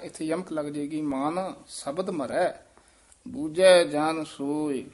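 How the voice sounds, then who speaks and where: A man teaching scripture recitation, chanting verses slowly and breaking off to correct how words are pronounced. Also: a little high, a little mellow. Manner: slow, careful chanting with quick spoken corrections. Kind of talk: recitation lesson, correcting pronunciation.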